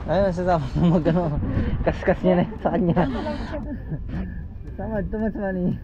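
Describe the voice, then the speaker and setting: A man's voice: high-pitched, brisk, lo-fi sound, background noise. A man chatting casually for his vlog outdoors in a city, mixing loose English with Tagalog and laughing often. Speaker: vlogger.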